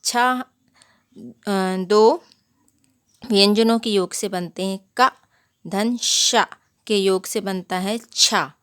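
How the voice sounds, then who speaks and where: A woman leads a grammar lesson for young pupils, speaking at a slow, unhurried pace. Her voice is smooth and clear, and she keeps asking little check questions as she goes through examples. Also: mid-range voice, fairly bright tone. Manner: slow, explaining step by step with repeated check questions. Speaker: primary school teacher. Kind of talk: Hindi grammar lesson for children.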